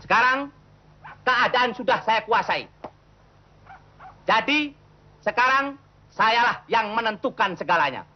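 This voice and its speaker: High-voiced, boastful cowboy outlaw boss. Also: male voice, animated, a little slow, pauses often. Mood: boastful, commanding. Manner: declamatory, grandiose. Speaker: actor playing a Western villain. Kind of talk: 1970s comedy Western film acting. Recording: dull old film soundtrack with music.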